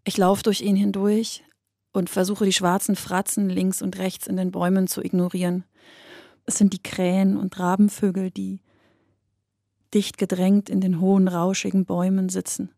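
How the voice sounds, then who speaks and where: Speaking to a withdrawn loved one, a somber woman narrator in a radio drama gives a measured, literary, reflective monologue, voiced by an actress. The delivery is completely flat, her mid-range voice creaky and dark, with clean studio sound and no room ambience.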